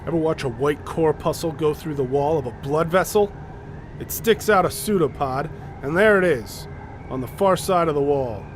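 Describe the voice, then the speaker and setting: Voicing a polar expedition's leader in an audio drama, a male actor with a higher-pitched, natural-sounding voice lays things out carefully and with authority. His mood is grim and reasoning, and a faint hiss or hum runs beneath the recording.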